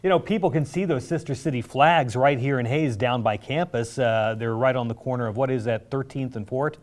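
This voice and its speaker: A man filling in as host of a local TV interview show, chatty and easygoing, with slightly halting questions, in a studio. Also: medium pitch, darkish tone.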